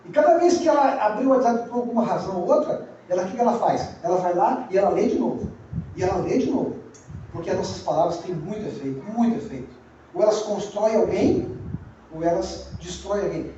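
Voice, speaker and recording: High-voiced Brazilian pastor in an echoey church. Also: male voice, brisk, mellow, slight background noise. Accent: Brazilian Portuguese. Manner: conversational preaching, repeats phrases and asks the congregation questions. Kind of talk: sermon. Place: church sanctuary. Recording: very echoey, distant, dull church recording.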